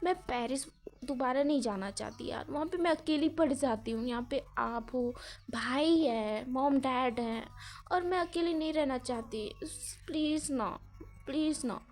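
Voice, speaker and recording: Girl voicing a whiny little sister begging, high voice, story podcast. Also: measured pace. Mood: pleading. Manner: pleading, whiny. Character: pleading teenage younger sister.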